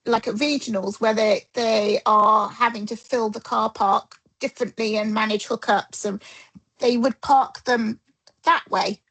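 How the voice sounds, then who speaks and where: Middle-aged woman guest, fairly high voice with gravel and breath in it, animated storyteller. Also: a little slow, poor audio. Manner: animated, acts out quoted dialogue. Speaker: dressage rider and coach, guest. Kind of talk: casual storytelling interview.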